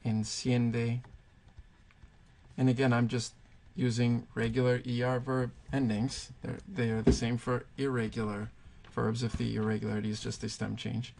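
A man's voice: mid-range voice, little pitch movement, normal speed, vocal fry, a little mellow. A man teaching Spanish verb conjugations, patiently thinking aloud and pointing things out as he writes. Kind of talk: explaining grammar at a whiteboard.

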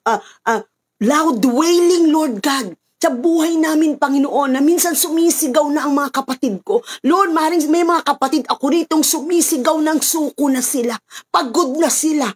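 A woman's voice: medium pitch, husky. A Filipino woman preaching, then leading a fervent prayer and mixing English phrases into her speech. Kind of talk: sermon and prayer.

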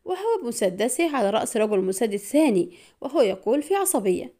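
A woman narrating an audiobook spy thriller in a brisk, dramatic storytelling manner. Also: on the high side, very animated, dark tone.

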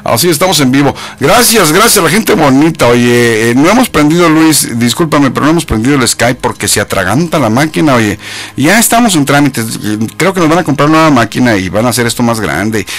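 A man's voice: medium pitch, expressive, a little fast, fairly bright tone. A man hosting a live internet radio show, chatting playfully and joking as he explains the news. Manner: jokey, playful, mock-mispronounces English.

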